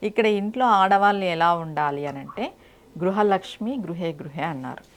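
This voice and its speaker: A woman's voice: on the low side, a little fast, slight background noise. A woman giving devotional advice in a direct, instructive way, often asking rhetorical questions. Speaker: spiritual speaker.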